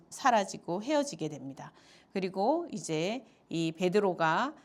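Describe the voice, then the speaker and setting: A woman pastor preaching an expository sermon, retelling the story with acted-out quotes and frequent filler sounds. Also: mid-range voice.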